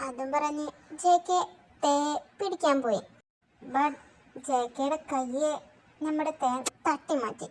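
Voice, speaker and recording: Woman narrator, very high voice, chatty asides, faint noise. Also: slow, long pauses, a little mellow. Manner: chatty, addresses listeners. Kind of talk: fan audio drama narration.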